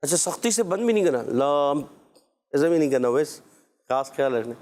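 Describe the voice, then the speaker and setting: A man's voice: on the high side, sing-song, a little mellow. A man teaching children Quran letter pronunciation, patient and encouraging, drawing out each letter sound for them to repeat.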